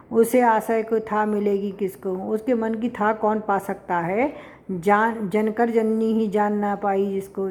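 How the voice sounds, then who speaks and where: A woman's voice: mid-range voice, dark tone. A woman teaching a classical poem, reading each verse aloud and then paraphrasing it in plain everyday speech. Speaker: Hindi literature teacher. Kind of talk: line-by-line explanation of a classical poem.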